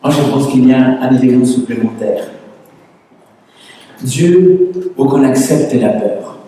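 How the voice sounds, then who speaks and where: A man's voice: mid-range voice, slow pace, mellow, slight background noise. A male pastor with a Spanish accent preaching a conversational sermon with lots of rhetorical questions, recorded in a church hall. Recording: echoey church hall, distant mic.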